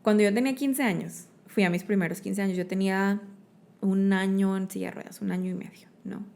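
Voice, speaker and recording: A woman with a Mexican Spanish accent talks as an interview guest, and her voice has a gravelly, creaky edge at mid pitch. She speaks expressively, with plenty of fillers and tag questions. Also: steady tone, brisk, darkish tone. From Monterrey, Mexico. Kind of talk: conversational interview storytelling.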